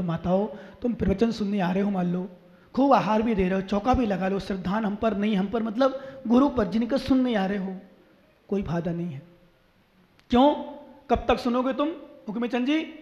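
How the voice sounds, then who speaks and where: A man preaching a sermon as a Jain monk, telling stories with emphasis, going from slow and low to loud, drawn-out high lines. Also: dull audio. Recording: echoey hall with long reverb.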